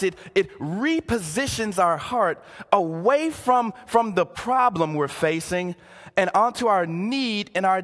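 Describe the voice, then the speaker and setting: Earnest male preacher, high voice with a wide swing, repeats himself for emphasis, sermon in a big echoing hall. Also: a bit bright. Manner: earnest, repeats words and keeps saying "listen". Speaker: pastor. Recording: long hall reverb.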